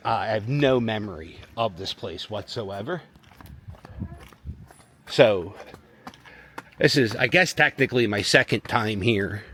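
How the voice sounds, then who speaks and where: A man's voice: lowish voice, fairly bright tone, slight background noise. A man vlogging outdoors, chatting casually with offhand, rambling observations. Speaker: travel vlogger. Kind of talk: casual vlog chat.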